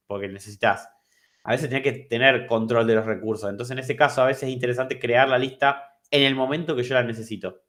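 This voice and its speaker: A man with an Argentine Spanish accent teaching an online programming class, explaining step by step and checking if his students follow. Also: mid-range voice. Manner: explanatory, repeats and restarts, asks if understood.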